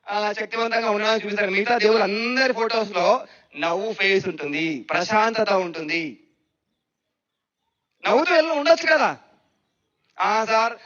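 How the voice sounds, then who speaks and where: A man giving a spiritual discourse on meditation, lively and questioning, who repeats phrases for emphasis. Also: extremely high pitch. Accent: Telugu. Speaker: spiritual speaker. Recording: dull lo-fi sound.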